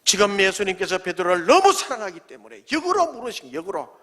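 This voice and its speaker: Pastor, male, high and very lively voice, dramatic sermon delivery. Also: fast talker. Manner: dramatic, acts out quoted voices, swings from loud to hushed.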